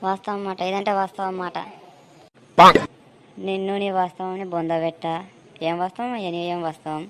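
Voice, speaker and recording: A woman's voice: mid-range voice, steady tone, a little fast, very noisy. A woman voicing quarrelsome villagers in a cartoon, arguing in a rustic manner. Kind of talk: cartoon voice acting, several village figures.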